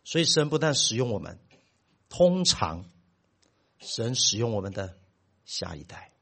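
A middle-aged man preaching a sermon as pastor, telling stories with big swings in loudness. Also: fairly low pitch, sing-song, measured pace, creaky, slightly rough.

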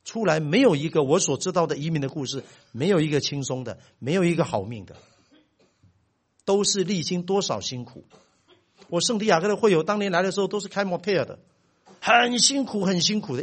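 Middle-aged male pastor, animated preacher whose voice rises and drops widely. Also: a little high, slightly rough. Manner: animated storytelling with big swings in loudness. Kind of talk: sermon.

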